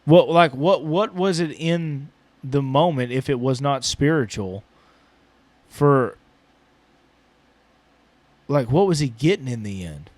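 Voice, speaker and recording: Man, podcast host, halting speech, repeats words, mid voice, dry sound. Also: mid-range voice, expressive, no room sound. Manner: hesitant, stammering, repeats words. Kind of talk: casual debate chat. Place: small hot building.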